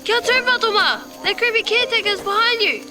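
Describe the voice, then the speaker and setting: A woman's voice: very high voice, fairly quick, music in the background. A woman playing a wary, affectionate young daughter in a dramatised audio story. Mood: frightened.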